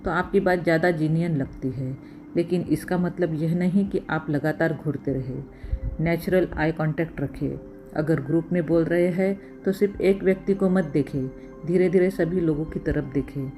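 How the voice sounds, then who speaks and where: Woman narrator, low voice, mellow tone, steady instructive delivery, faint music behind. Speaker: communication tips narrator. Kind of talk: scripted voice-over narration.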